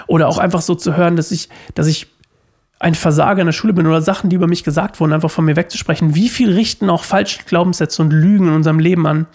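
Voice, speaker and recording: A man's voice: a little high, steady tone, fast, a little mellow. A man, a podcast host and worship leader, gives an earnest devotional talk on faith in a living room. He repeats key phrases for emphasis and often restarts his sentences.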